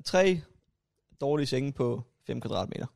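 A man co-hosting a casual podcast, lively, often laughing as he tells the story and correcting the others. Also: medium pitch, creaky. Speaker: podcast co-host. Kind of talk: casual chat.

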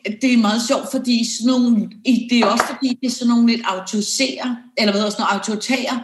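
Woman co-host, high voice, echoey room. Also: steady tone, background noise. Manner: brief backchannels, reads the episode topics aloud. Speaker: podcast co-host. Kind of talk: casual chat.

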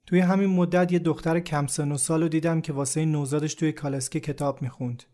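A man narrating in a calm, measured voice. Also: a little high. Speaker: podcast narrator. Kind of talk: scripted first-person storytelling.

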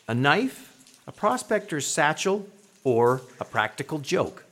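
A man hosting a scripted quiz, speaking deliberately and setting out words clearly. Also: on the high side, big pitch swings, a bit bright. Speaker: quiz show host.

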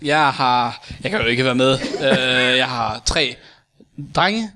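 A man playing a mild-mannered psychologist in his seventies in an improvised comedy interview, answering hesitantly with soft fillers. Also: mid-range voice, lively intonation, a little hiss or hum. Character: mild-mannered elderly male psychologist, aged 73.

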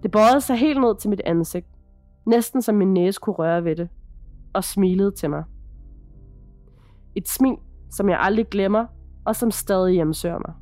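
A woman podcast host reading a first-person horror account in a measured, dramatic storytelling manner. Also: mid-range voice, a little mellow, no room sound.

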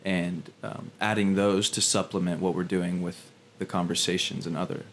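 A man co-hosting a podcast who also teaches meditation, talking in a relaxed, halting way. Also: low-pitched, a little hiss or hum. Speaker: podcast co-host and meditation instructor. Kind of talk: casual podcast chat.

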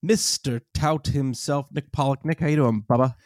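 A man's voice: medium pitch, steady tone, moderate pace, dry recording, clean studio sound. A man hosting a podcast, upbeat and teasing in casual chat. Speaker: podcast host.

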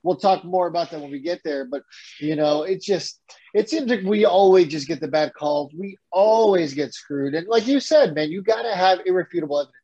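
A man's voice: high-pitched, fairly quick, husky, dull audio. A man co-hosting a casual sports podcast, ranting with energy and the odd curse. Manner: animated, swears, rants. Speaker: podcast co-host.

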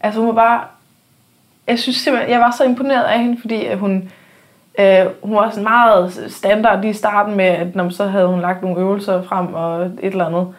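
Candid, animated woman podcast host. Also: medium pitch. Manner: animated, candid, swears freely, acts out quoted voices. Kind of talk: casual conversation. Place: podcast studio.

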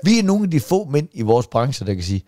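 A middle-aged man co-hosting a podcast in casual chat, swearing and ranting with animated energy. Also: medium pitch, no echo. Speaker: podcast co-host.

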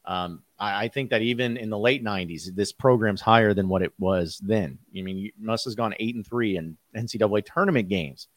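Low-pitched man. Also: fairly quick, few pauses, no room sound. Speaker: sports commentator. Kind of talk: casual sports talk.

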